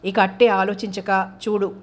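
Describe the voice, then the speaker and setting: Give me a woman doing a playful young man coaxing his sister, said in a flat even voice. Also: mid-range voice, normal speed, lightly acted.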